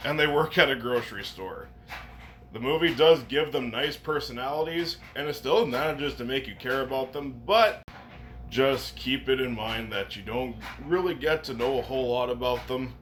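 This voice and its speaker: A man's voice: medium pitch, a bit bright. A man giving a casual, enthusiastic movie review with some swearing. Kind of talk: casual film review to camera. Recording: noticeable background noise.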